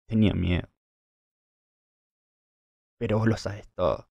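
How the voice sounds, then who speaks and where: A man's voice: lowish voice, steady tone, a little slow, creaky, warm tone, husky, no room sound, highs cut off, heavily acted. Man voicing an earnest, humble Peter. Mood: earnest pleading. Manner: earnest, pleading confession. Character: apostle Peter, humble grown man confessing love.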